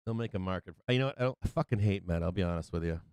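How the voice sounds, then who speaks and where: Blunt, jokey man with very smooth, clear voice. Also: deep voice, very fast, darkish tone, no room sound. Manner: blunt, profane, slangy; jokey, chuckles often at own remarks. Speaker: host of a live stock market show. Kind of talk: casual live trading commentary.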